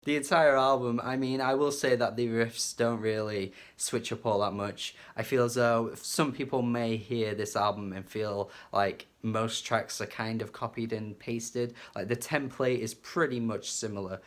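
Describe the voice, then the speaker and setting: A man's voice: mid-range voice, steady tone, unhurried, hardly any pauses. A man casually reviewing a rock album, enthusiastic and chatty, with fillers and some swearing. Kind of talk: casual music review monologue.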